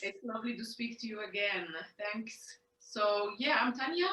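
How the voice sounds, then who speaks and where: A woman from Switzerland, a guest telling her story in soft, hesitant casual speech. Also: a little high, moderate pace, slight background noise. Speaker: interview guest and online money coach. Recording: roomy, distant mic.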